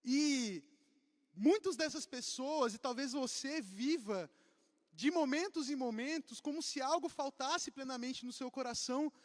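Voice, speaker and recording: Young Brazilian youth pastor, bright high register, jokey and animated, in a reverberant auditorium. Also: male voice. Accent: Brazilian Portuguese. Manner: joking, animated, addresses the crowd. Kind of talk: casual youth sermon with jokes. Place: church auditorium. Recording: long hall reverb.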